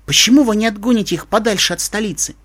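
A man's voice: high voice, quick pace, fairly bright tone, voice pushed up. A man voicing a timid, polite young male pony in a storybook reading, speaking eagerly. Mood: worried.

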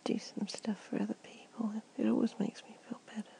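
A woman in an ASMR comfort roleplay, talking in a soft, gentle whisper. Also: a little high, level tone, a little fast, gravelly. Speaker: ASMR performer.

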